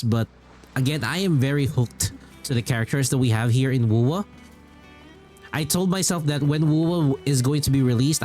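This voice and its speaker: A man streams casually about games with music playing behind him, rambling informally and often repeating a phrase to drive it home. His voice is at an ordinary mid-range pitch for a man, with a darkish tone.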